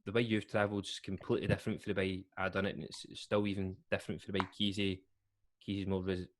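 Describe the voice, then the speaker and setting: A Scottish man hosts a casual podcast chat in a low voice. He talks fast and chips in often with quick asides and plenty of "aye". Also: little pitch movement, background noise. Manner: chatty, quick interjections, fond of "aye". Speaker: podcast host.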